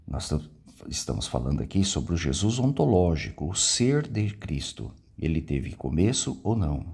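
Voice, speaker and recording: Man, Brazilian accent, deep voice, mellow, informal Bible lesson, conversational. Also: sing-song, moderate pace, gravelly, breathy edge. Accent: Brazilian Portuguese. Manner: conversational, frequent tag questions. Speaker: Bible teacher.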